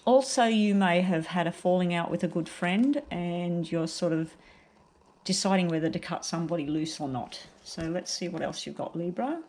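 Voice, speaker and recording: A woman giving a casual, unhurried tarot card reading while suffering from a very sore throat. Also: on the low side, a little mellow. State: very sore throat, may choke up.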